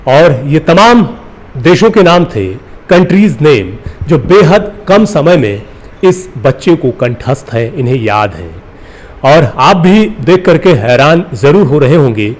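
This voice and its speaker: Lively-pitched male news reporter. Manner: earnest, admiring, with pauses and fillers. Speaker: news reporter presenting a feature. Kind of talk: on-location news feature commentary.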